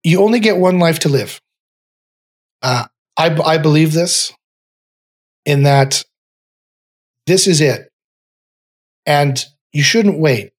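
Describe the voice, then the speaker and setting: A middle-aged man leads a meditation exercise as a podcast guest. His voice sits slightly high and sounds husky. He rambles, restarts and repeats his instructions over and over. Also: slow pace, long pauses. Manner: rambling, searching for words, repeats himself.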